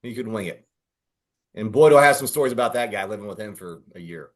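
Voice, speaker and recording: A middle-aged man telling stories in casual podcast chat, animated and brash, with salty talk. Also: lowish voice, quick pace. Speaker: podcast co-host.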